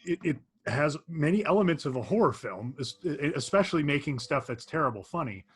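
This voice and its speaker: A young man with a slightly husky, breathy voice talks through a film in an easygoing, reflective way. He laughs readily and builds his thoughts as he goes, in a relaxed podcast conversation. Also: a little high, brisk. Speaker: podcast co-host. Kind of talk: casual chat.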